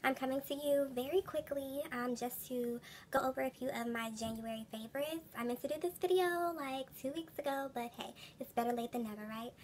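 A woman's voice: high-pitched, a little fast. A woman in her thirties with a congested, stuffy nose, chatting casually to camera as a beauty vlogger at home. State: a little under the weather with a stuffy nose. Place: small room at home, indoors. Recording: noticeable background noise, home recording.

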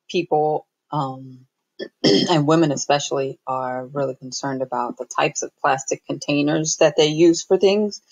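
Female fitness host, gravelly tone, halting casual explainer, dry webcam sound. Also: low voice, a little mellow, dry recording, rough recording. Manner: halting, many ums and restarts. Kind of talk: casual screen-share explainer. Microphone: webcam on a computer.

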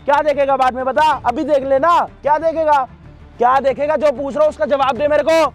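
A man's voice: extremely high pitch, steady tone, brisk, faint music behind. A young man, angrily interrogating and threatening someone over and over in a staged confrontation video. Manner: aggressive, repetitive interrogation. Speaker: confronting vigilante.

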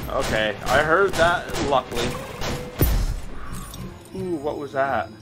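His medium-pitched voice is expressive and slow. He's a middle-aged gaming host recording indoors during a VR game, game music playing, explaining things casually and making light of himself.

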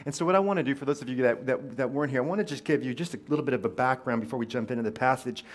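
Man, pastor, relaxed conversational sermon, storytelling, fillers and restarts, mid-pitched voice. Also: racing. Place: church sanctuary.

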